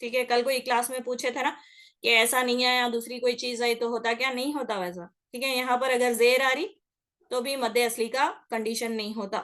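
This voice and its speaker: Lady recitation teacher, patient, keeps checking in, stretches sounds out to show them, bright tone. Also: on the high side, steady tone, moderate pace. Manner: patient, repeats "okay" checks and drawls out sounds to demonstrate. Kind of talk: explanatory classroom lesson.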